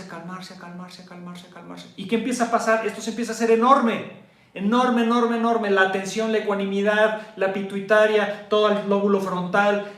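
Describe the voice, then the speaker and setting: A man with a Mexican accent giving a meditation talk. He repeats phrases and lets each one fade down to a hush, then speeds up and rises when he acts out an anxious mind. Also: sits high, roomy sound. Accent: Mexican Spanish. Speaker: meditation teacher.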